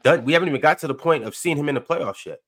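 A man's voice: fairly high pitch, rapid-fire, a crowd in the background. An American man hosting a sports talk panel, reading viewer comments and debating casually with dry teasing.

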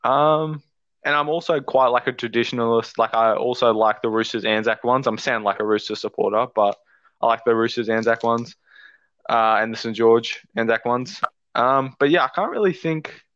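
An Australian man with a clean, smooth voice chats as a sports podcast guest. He hesitates and thinks aloud. The recording is dry and a little dull. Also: mid-range voice, normal speed, fairly bright tone, no room sound. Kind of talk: casual sports fan chat.

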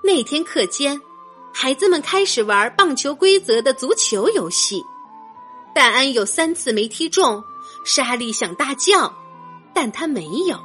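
Expressive woman storyteller for kids. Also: sits high, unhurried, faint music behind. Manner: gentle, expressive, addresses children directly. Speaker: children's storyteller. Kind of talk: storytelling for children.

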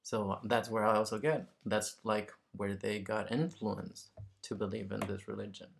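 A man's voice: on the low side, little pitch movement, normal speed, vocal fry, slight background noise. A man from Mexico talking casually and reflectively as a guest, searching for words and checking in with the listener. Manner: tentative, searching for words, often tags statements with "right?". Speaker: interview guest.

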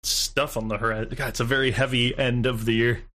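A man's voice: mid-range voice, level tone, a little fast, a bit bright. A young man co-hosting a casual gaming chat, sarcastic and joking. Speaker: podcast co-host.

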